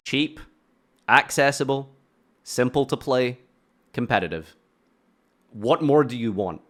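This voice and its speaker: A man's voice: medium pitch, lively intonation, slow, fairly bright tone. A man giving casual reaction commentary on a video, blunt and ranting, with sarcastic asides.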